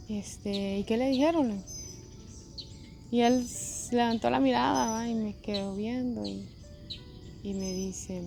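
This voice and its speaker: A woman's voice: a little high, gravelly, a little mellow. A woman telling a personal faith testimony in a conversational, reflective way, often adding tag questions. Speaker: testimony vlogger.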